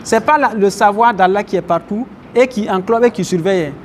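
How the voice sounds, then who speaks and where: Speaking fairly quickly in a high-pitched voice, an Islamic teacher explains Arabic terms and questions the people in his religious class. The setting is a mosque with faint traffic outside, plus slight background noise.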